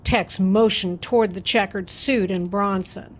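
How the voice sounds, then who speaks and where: A woman narrating a radio drama with clear, measured storytelling. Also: medium pitch, fairly even intonation.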